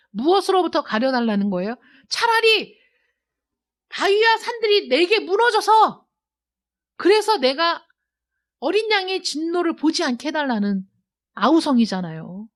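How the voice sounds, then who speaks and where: High, animated woman preaching a sermon. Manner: emphatic, rhetorical questions, swings between loud urging and quiet. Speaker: pastor. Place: church sanctuary.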